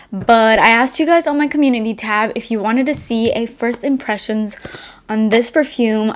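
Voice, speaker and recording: A woman's voice: fairly high pitch, slight background noise. A young woman giving a casual, chatty product review to camera in informal speech peppered with filler words like "like" and "literally". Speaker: perfume review vlogger.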